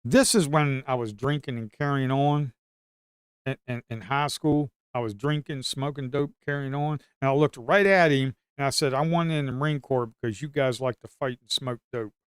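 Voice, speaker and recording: A man's voice: mid-range voice, normal speed, clear, resonant tone, no echo, studio quality. A middle-aged man from the Blue Ridge Mountains with an Appalachian Southern accent, chatting casually and crudely on a trading stream and telling rambling stories. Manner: rambling storyteller, folksy and crude, bursts into hollers. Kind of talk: casual live-stream chat.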